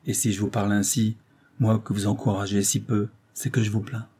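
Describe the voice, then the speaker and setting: A man voicing an earnest young man in love, speaking in a grave, calm and measured way in an audiobook reading. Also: lowish voice, slightly rough.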